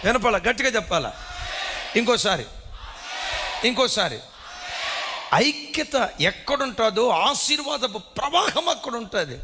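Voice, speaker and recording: A man preaching a sermon as pastor, swinging his pitch widely and calling for amens. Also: pushed and bright, slightly rough. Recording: reverberant hall.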